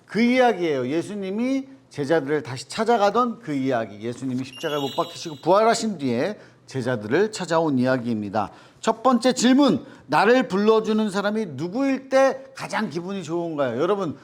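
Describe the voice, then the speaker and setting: A man leads a children's Bible lesson in a fairly high, very animated voice. He talks straight to the kids, quizzes them and acts out the quoted voices in the story. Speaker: children's ministry teacher.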